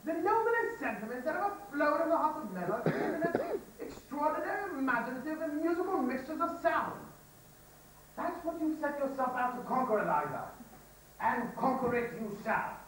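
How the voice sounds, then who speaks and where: A stage actor playing an impatient, pompous phonetics professor, lecturing briskly and exasperatedly. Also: sits high, big pitch swings, background noise. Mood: rousing. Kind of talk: amateur stage musical acting. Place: theater stage. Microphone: audience recording from far off. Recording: echoey theater hall, distant mic.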